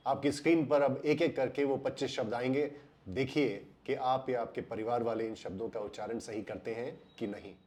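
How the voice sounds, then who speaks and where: An Indian man explaining English pronunciation in a voice-over lesson, slowing down and drawing out words to stress them. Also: mid-range voice, steady tone, darkish tone.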